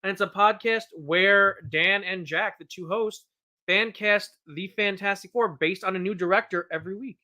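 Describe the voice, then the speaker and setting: Man, 30s, podcast co-host, bright tone, loose and rambling, laughs at himself. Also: high voice, normal speed. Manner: rambling, self-deprecating, with frequent restarts and laughs. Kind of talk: casual chat.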